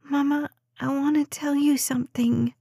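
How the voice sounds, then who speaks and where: A woman's voice: high-pitched, little pitch movement, normal speed, creaky, mellow, dry recording, studio quality, pitched above the performer's own voice. A woman voicing a small sick girl, sweet and a bit cheeky. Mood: whiny, teasing.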